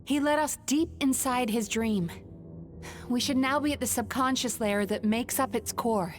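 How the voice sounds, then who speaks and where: A woman playing a composed, resolute dream-hunter guide in a video game, explaining things in a measured, serious manner. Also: fairly high pitch, soft background music, close to an everyday voice.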